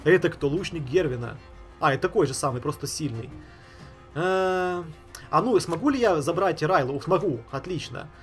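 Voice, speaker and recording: A man's voice: fairly high pitch, animated, normal speed. A man giving casual, slangy gameplay commentary, thinking aloud and repeating himself. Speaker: gaming streamer. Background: game music.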